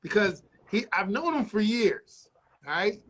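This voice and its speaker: A man's voice: high-pitched, big pitch swings, a little slow, fairly bright tone. A man hosting a casual radio interview, loose and joking. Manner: loose, joking, rambling with cursing. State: frog in his throat. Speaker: radio host and DJ. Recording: muffled livestream audio.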